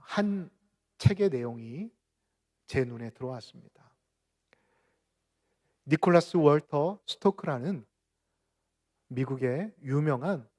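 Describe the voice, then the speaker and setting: Korean pastor guy giving a sermon, kinda high voice, gets loud then drops to a whisper. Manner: dramatic preaching, rising to loud outcries and dropping to near-whispers. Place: church sanctuary.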